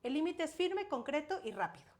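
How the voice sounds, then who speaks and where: A woman speaking as a parenting specialist in a casual conversation, animated, acting out scolding parents and children. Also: high-pitched, fairly quick.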